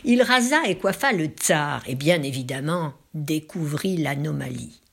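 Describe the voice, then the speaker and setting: A woman with a low, husky, gravelly voice tells a folk tale. She takes her time, stretching phrases out dramatically and sinking into hushed whispers at key moments. The pace is unhurried throughout. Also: animated. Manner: drops into hushed whispers for emphasis; slow, drawn-out dramatic phrasing. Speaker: storyteller.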